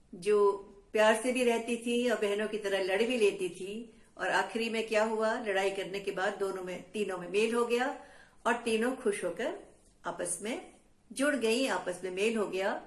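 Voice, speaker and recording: A woman poet performs rhyming verses for children, chanting each refrain over and over in a sing-song way. Her voice sits somewhat high and moves at a slow, unhurried pace. The recording has a noticeable roomy echo. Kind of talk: reciting rhyming children's poems.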